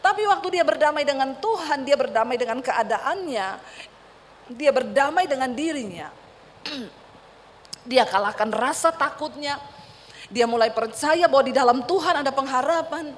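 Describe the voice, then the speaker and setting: High-voiced woman preaching in a hall. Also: animated, normal speed. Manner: storytelling with emphatic repeated cries. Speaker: pastor. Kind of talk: sermon. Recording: reverberant church hall, faint ambience.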